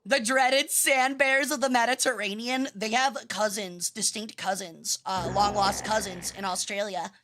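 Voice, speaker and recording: A woman's voice: medium pitch, fairly even intonation, a little slow, hardly any pauses, a bit bright. A woman livestreamer chatting to her viewers in a playful, cutesy anime-streamer manner.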